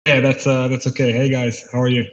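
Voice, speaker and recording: A man's voice: mid-range voice, little pitch movement, fairly quick, dull audio. A man, a guest on a podcast, speaking hesitantly with many restarts and fillers. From Israel. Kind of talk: casual interview chat.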